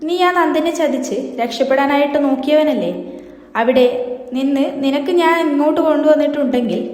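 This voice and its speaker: A cold, scheming young man from a soap serial, read aloud by a woman in her own voice. The voice sits high. The read is plain and even, and a long reverb trails after every phrase. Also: fairly quick, natural voice. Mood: menacing.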